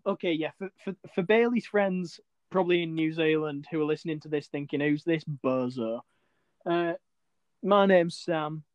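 A man's voice: fairly high pitch, moderate pace, smooth, dry recording, highs cut off. A man in his twenties with a Yorkshire accent, co-hosting a podcast in casual, joking chat, often laughing and teasing. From England. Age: 20s. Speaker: podcast co-host.

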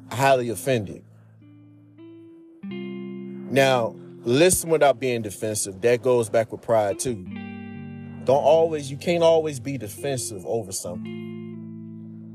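In a casual, heartfelt talk, a man earnestly offers his viewers marriage and relationship advice, frequently calling them "man" and "y'all." His voice is mid-range with a darkish tone.

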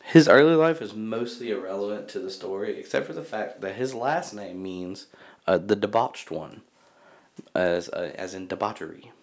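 A man's voice: fairly low pitch, lively intonation, moderate pace. A young man co-hosting a casual podcast, reading from notes with lots of fillers and easy laughter. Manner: reads notes with many fillers, laughs easily. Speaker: podcast co-host presenting the topic.

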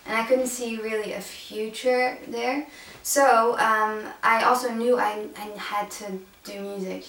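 Young female, American accent, slightly raised pitch, relaxed interview guest, off-mic in an echoey space. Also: measured pace. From France. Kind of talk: casual chat interview. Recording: echoey room, distant mic, background noise.

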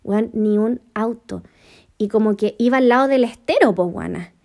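A woman's voice: on the high side, normal speed, a little mellow. A woman with a Chilean accent telling a story in casual chat, full of slang and swearing.

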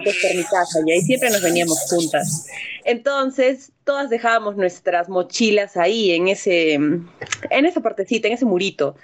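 A young woman, casually telling a story to friends and acting out the voices with big jumps in pitch. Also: background noise. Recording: dull lo-fi recording.

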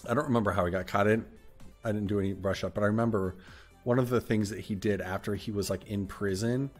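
Low-voiced man, joking podcast co-host. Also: fairly even intonation, fast, soft background music. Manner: laughs often, dry jokey interjections. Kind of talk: casual podcast chat.

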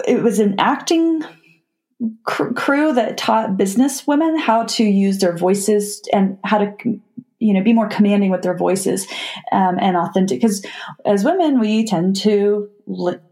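A woman's voice: mid-range voice, a little slow, dark tone. Chatty woman designer on a podcast, laughs a lot, lots of ums and you knows. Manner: chatty, laughs often, many fillers. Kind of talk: casual business podcast chat.

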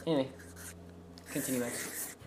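A young man co-hosting a casual podcast chat with his brothers, talkative and teasing. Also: moderate pace. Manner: talkative, teasing, laughs often. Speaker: podcast co-host. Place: bedroom at night. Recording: music under the voices. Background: music playing.

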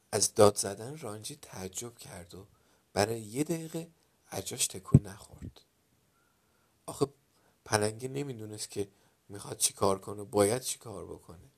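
A man narrating a children's story dramatically, dropping to a hush at some moments and getting loud at others. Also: lowish voice, husky. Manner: dramatic, loudness swinging from hushed to loud.

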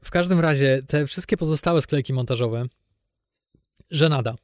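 Man, podcast co-host, sarcastic, exasperated, higher voice, dry recording. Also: normal speed, dry recording. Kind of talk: casual film chat.

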